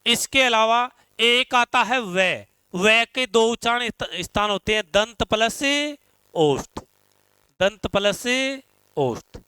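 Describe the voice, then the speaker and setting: A male Sanskrit teacher, drawing out syllables slowly as he asks his class questions and answers them himself. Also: very high-pitched, steady tone, bright, forceful tone, clean tone. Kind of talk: classroom lesson on pronunciation.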